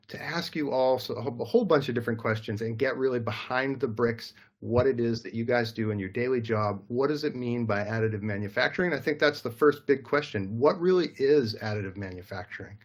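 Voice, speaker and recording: A man hosting a live interview over a video call, upbeat and chatty with a self-deprecating manner. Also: mid-range voice. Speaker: host.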